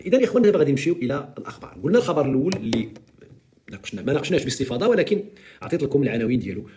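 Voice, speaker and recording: A man with a Moroccan accent hosting a live stream, giving sarcastic, mocking political commentary in an animated way. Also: mid-range voice.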